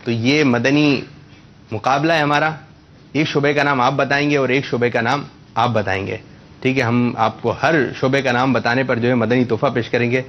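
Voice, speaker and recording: A man's voice: medium pitch, fairly even intonation, fairly bright tone, lo-fi sound. A man hosting a religious quiz show for children, patiently correcting and repeating their answers.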